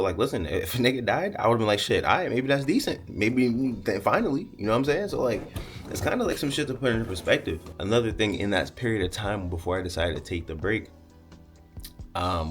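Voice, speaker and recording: A young man vlogging in a candid, profane ramble to camera, often smiling and half-laughing as he talks. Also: deep voice. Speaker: content creator. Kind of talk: casual candid monologue to camera.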